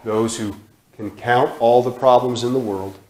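A man in his thirties preaching a sermon in a church sanctuary, repeating phrases with emphasis and sudden drops to a hush. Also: mid-range voice, steady tone, unhurried. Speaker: guest preacher. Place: church sanctuary, large indoor room. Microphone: far camera, room mic. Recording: echoey church hall.

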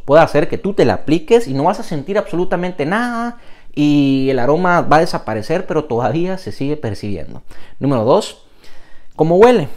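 A young man reviewing fragrances in an enthusiastic vlog, with lively, swinging intonation. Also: on the high side.

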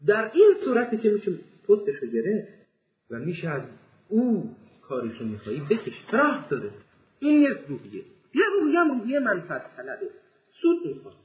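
A man giving a religious lecture, telling stories with lively acted dialogue and reciting scripture. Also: sits high. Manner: animated storytelling, acts out the characters. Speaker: cleric lecturer. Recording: echoey, phone-like lo-fi archive recording.

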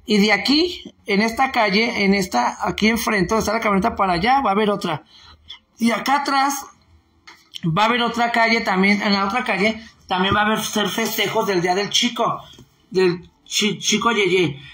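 Chatty Mexican woman, bright voice. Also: medium pitch, moderate pace. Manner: rambling, playful, crude slang, giggly. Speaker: online streamer. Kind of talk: casual live stream reading viewer comments. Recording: roomy echo.

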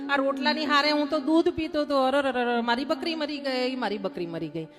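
A woman's voice: fairly high pitch, brisk, natural voice. A woman playing an old preaching holy man. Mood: wailing. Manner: sing-song preaching, then wailing and lamenting. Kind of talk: devotional story-telling. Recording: long hall reverb with music.

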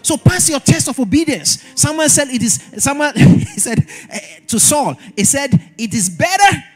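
A man preaching a sermon at a church service, animated and repeating his exhortations, acting out little dialogues. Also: extremely high pitch, moderate pace, faint music behind. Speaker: pastor.

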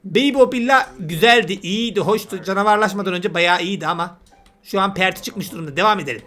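Bright, high-voiced gaming commentator. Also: male voice, quick pace. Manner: chatty, teasing, talks to game characters. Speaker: gameplay commentator. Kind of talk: casual let's-play commentary.

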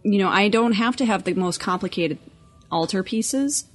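A woman co-hosting a casual podcast chat, relaxed and storytelling, often finishing her partner's sentences. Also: medium pitch, moderate pace. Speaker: podcast co-host.

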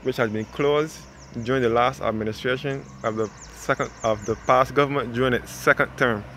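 A man's voice: medium pitch, steady tone, a little fast. A man from Barbados giving a loose, conversational walking-tour narration outdoors as a travel vlogger, talking to his viewers as guys. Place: outdoors on a rural roadside. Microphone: handheld camera mic, speaker off screen. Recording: loud outdoor noise and passing traffic. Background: passing cars and outdoor ambience.

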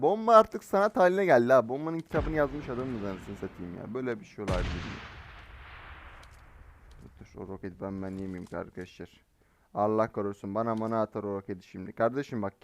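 A man giving live gameplay commentary as a mobile game streamer, excitable and teasing in slangy banter. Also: mid-range voice. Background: faint game gunfire.

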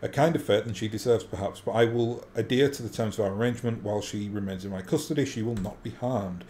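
A man voicing an honourable noble lord from a video game, formal, measured and stately. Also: lowish voice, dark tone, natural voice. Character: courteous noble lord, grave, grateful, honourable. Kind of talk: reading game dialogue aloud in character. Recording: faint background noise.

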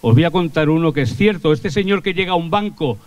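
Older guy doing stand-up on stage, folksy crude jokes, bit high voice, dry sound. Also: expressive, fast talker, dry recording. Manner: chatty, folksy storytelling with crude slang. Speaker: stage comedian and singer. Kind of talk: live stand-up joke telling. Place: theatre amphitheatre stage.

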